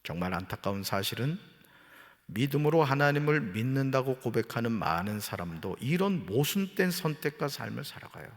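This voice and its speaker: A man preaching as a pastor, swinging between hushed, quiet asides and loud, rising exhortations, and calling on the congregation to repeat after him. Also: mid-range voice, big pitch swings, normal speed. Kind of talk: sermon. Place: church sanctuary. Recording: long church hall reverb.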